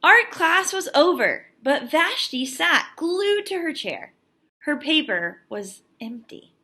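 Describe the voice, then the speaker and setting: A young adult woman, a teacher reading a picture book aloud to children with expressive, emphatic delivery and teaching asides. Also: high-pitched, takes it slowly.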